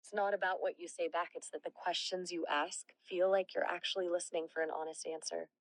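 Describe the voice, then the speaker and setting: A woman's voice: on the low side, level tone, a little fast, rough recording. A woman's synthetic voice as an AI assistant, answering interview questions in a reflective, candid way. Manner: reflective, candid, soft-spoken. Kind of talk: conversational answers.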